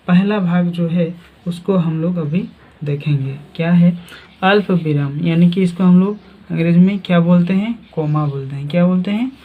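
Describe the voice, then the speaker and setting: A teacher giving a grammar lesson, asking questions and then answering them. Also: mid-range voice. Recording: tinny phone-like sound.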